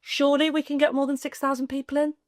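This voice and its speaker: A woman's voice: high voice, monotone, fast talker, no echo. An English woman co-hosting a casual football podcast, chatty and giggly, often trailing off mid-sentence. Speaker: podcast co-host. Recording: dry, slightly rough sound.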